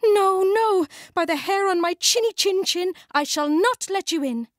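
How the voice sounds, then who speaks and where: Woman doing squeaky little storybook pigs. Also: measured pace, no room sound, studio quality. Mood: defiant. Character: small frightened little pigs, squeaky and defiant.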